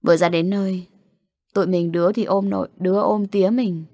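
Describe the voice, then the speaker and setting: A woman reads a ghost tale aloud at a steady pace. Her voice sits in a middle register. The sound is close and dry, with no room echo. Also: mid-range voice, a little fast. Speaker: audiobook narrator. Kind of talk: storytelling narration of a ghost tale.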